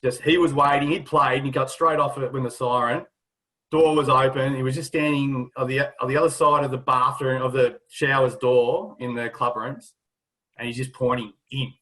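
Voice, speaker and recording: A man's voice: medium pitch, little pitch movement, normal speed, sharp tone, rough recording. A man, a former footballer, casually telling old club anecdotes with a laugh in his voice. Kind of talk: casual storytelling.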